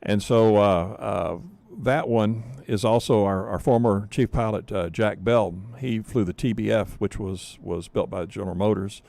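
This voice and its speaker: A man speaking as a museum guest on a radio show, rambling with frequent pauses. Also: on the low side, fairly even intonation, creaky, warm tone. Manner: rambling, many fillers and restarts. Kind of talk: casual talk radio chat.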